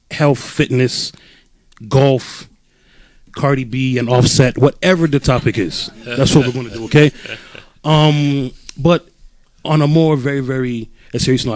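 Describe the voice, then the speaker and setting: A Brooklyn, New York man in his twenties hosts a podcast panel, keeping things loose, joking and casual. His voice is medium-pitched, with no echo.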